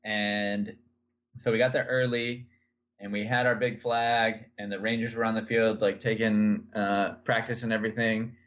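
A man co-hosting a podcast, telling stories in a relaxed way with plenty of fillers. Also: on the low side, moderate pace, highs cut off. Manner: relaxed storytelling with many fillers. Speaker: podcast co-host. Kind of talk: casual podcast chat.

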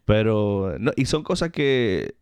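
A man with a fairly low voice and a Dominican accent talks casually. He uses street slang and restarts his phrases, repeating small words. The recording is dry, with very little room sound. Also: sing-song, slow pace, a little mellow, clear, resonant tone, dry recording. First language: Spanish. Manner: colloquial slang, stop-and-start repetitions. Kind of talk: casual chat and anecdotes.

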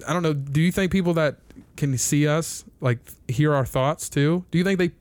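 A man's voice: a little high, normal speed, a little mellow, no room sound. A young man hosting a casual podcast, rambling, laughing often and swearing loosely. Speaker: podcast host.

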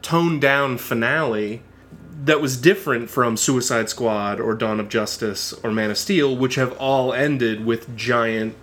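Male podcast co-host, casual and animated, laughs easily, restarts sentences. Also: mid-range voice, a little slow. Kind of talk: casual chat.

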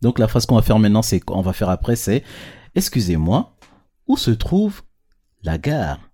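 A man's voice: fairly low pitch, wildly swooping pitch, moderate pace, mellow, husky. A man teaching a casual lesson to children on a handheld microphone, explaining patiently and often checking that they follow. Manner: patient, checks understanding with frequent questions.

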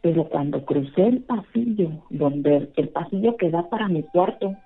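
A woman's voice: fairly low pitch, lively intonation, normal speed, husky, faint music behind. A woman earnestly telling a rambling personal ghost story, calling in by phone. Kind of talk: casual storytelling. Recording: phone line.

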